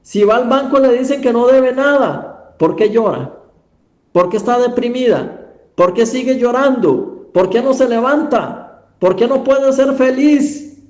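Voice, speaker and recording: Male pastor preaching, high voice, unhurried, emphatic rhetorical questions, echoey church. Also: a little mellow. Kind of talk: sermon storytelling.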